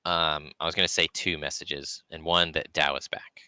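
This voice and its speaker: A man playing a tabletop role-playing game in casual chat, laughing often and halting with many fillers. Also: rumbling low, level tone, sharp tone, smooth, no room sound.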